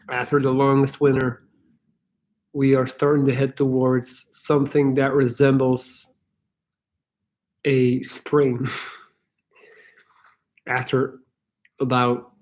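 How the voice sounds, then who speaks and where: Speaking in a mid-range voice, a man from Belgium who has an American accent runs a relaxed live chat. He fields viewers' questions in a candid, meandering style, frequently starting his thoughts over.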